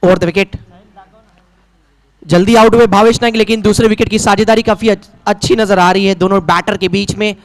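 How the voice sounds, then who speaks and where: A man's voice: high-pitched, steady tone, moderate pace, rough recording. A man with an Indian accent giving live ball-by-ball cricket commentary, calling out scores in both English and Hindi.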